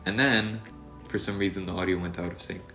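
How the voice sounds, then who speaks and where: Casual podcast co-host, male, very deep and nasal, stuffy with allergies, rambles through fillers and restarts; echoey room. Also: steady tone, brisk, vocal fry, bright, forceful tone, faint music behind.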